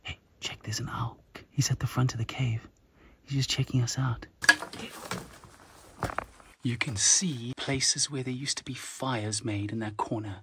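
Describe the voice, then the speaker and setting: Excited man vlogging through caves. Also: mid-range voice, a little slow, creaky, pauses often, heavy background noise. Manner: excited, exploring on foot. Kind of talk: casual adventure vlog. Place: outdoors on a mountain and inside rock caves. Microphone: phone camera at arm's length.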